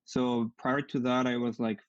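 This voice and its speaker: Speaking as a guest in an online interview, this young Mexican engineering student has a strong accent from his native Spanish and answers with sincerity. He talks in an unhurried, level, medium-pitched voice with a clean tone. The recording sounds muffled yet has no echo.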